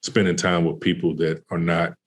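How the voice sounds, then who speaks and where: Deep-voiced coach telling a story. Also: male voice, normal speed. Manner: casual, many fillers and restarts; animated when retelling conversations. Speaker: college basketball associate head coach. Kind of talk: podcast interview storytelling.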